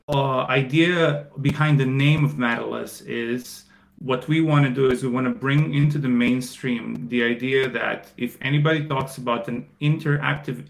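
A man from Croatia in his thirties, a podcast guest talking casually about his startup, with many fillers and pauses. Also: mid-range voice, creaky, rough recording. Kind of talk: casual interview answers.

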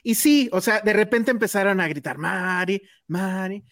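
A woman with a Mexican accent chats on a podcast, telling anecdotes full of asides. Her voice sits at a middle pitch, recorded close and dry with no room around it. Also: animated, fairly quick, dry recording. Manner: chatty, storytelling with asides. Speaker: podcast host. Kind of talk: casual chat.

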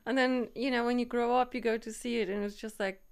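A woman's voice: fairly high pitch, steady tone, fast talker, creaky, clear, resonant tone. Hesitant woman chatting on a podcast. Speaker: podcast co-host. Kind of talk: casual chat.

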